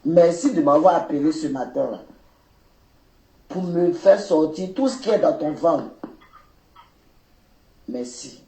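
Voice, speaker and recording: A man hosting a live stream, speaking calmly and soothingly and repeating himself. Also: on the high side, takes it slowly, pauses often, echoey room, low-quality recording.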